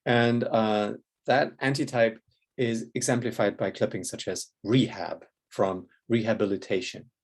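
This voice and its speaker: A male lecturer explains his findings patiently and point by point. He fills pauses with "uh" and often checks in with a rising "yeah?". His voice sits at an ordinary pitch for a man. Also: gravelly, a little mellow. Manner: methodical, frequent tag "yeah?" and "uh" fillers. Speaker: linguistics lecturer. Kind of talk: recorded academic lecture. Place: indoors, room near a window with rain outside.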